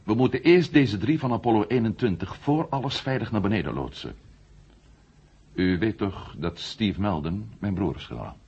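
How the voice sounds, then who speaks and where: A male actor with a husky, fairly low, slightly mellow voice plays an indignant, sharp-minded journalist challenging the military in a 1970s Dutch science fiction radio drama. He speaks expressively at normal speed, sounding urgent, insistent and challenging, on a dull vintage radio play recording.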